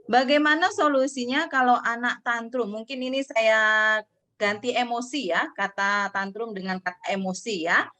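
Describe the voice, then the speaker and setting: A woman moderates an online seminar over a video call, reading out questions in a friendly, polite way. Her voice is bright and fairly high. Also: steady tone, moderate pace.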